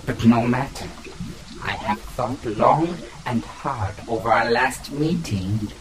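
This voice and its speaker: An actor playing a pompous villainous schemer, speaking in theatrical mock-archaic bombast. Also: male voice, medium pitch, expressive, takes it slowly, crowd noise, poor audio. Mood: scheming. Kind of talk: audio drama acting.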